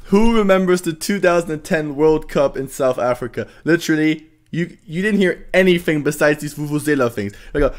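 A man's voice: a little high, fairly quick, hardly any pauses, a little hiss or hum. A young man, chatting casually as a reaction vlogger and breaking into laughter often. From Germany. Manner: giggly, keeps breaking into laughter, swears casually.

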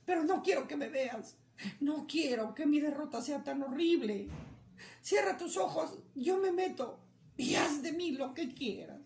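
Woman doing a squeaky pleading rabbit. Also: lively intonation, a little slow, a little mellow. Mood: sly, meek. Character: small pleading clever male rabbit. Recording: roomy echo, faint ambience.

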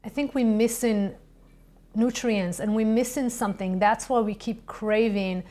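A woman in her thirties hosting a casual kitchen chat, speaking with eager enthusiasm in quick bursts. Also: mid-range voice, mellow. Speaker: host. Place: home kitchen set, indoors.

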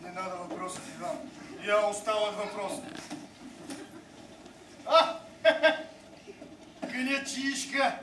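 A man's voice: high voice, slow pace, long pauses, bright, forceful tone, exaggerated voice. A man acting a chatty, tipsy, generous city traveller in a stage comedy, with a theatrical delivery. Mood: breezy. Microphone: far camera in the audience. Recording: noisy, echoey theatre stage from far off.

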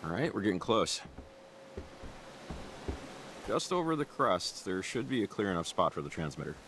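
An actor playing an easygoing young man on a night hike, chatting in relaxed, rambling small talk. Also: sits low, moderate pace, background noise.

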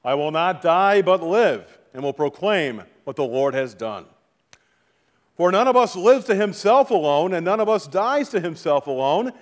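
A middle-aged man serving as pastor at a funeral reads liturgy and prayers in a solemn, measured, formal manner, his phrases falling at the ends. His voice is high and very animated. He stands before a congregation in a large church sanctuary, and the recording carries the reverberation of the hall.

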